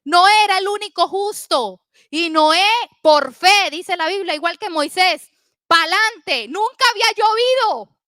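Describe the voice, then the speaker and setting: Fervent woman preaching, bright high voice. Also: expressive, unhurried, dry recording, studio quality. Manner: fervent, exhorting, repetitive calls to pray. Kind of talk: sermon.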